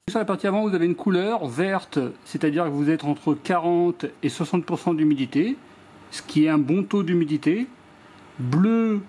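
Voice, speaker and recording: A French man calmly walking through a product test off camera, reading out measurements one by one in a matter-of-fact way. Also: high voice. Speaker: DIY product reviewer. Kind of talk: hands-on product demonstration voice-over.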